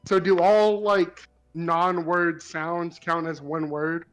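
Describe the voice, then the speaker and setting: A man's voice: on the high side, little pitch movement, slow pace, a bit bright, smooth, soft background music, poor audio. A man playing in a live tabletop game, asking playful, teasing rules questions. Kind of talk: casual live game chat.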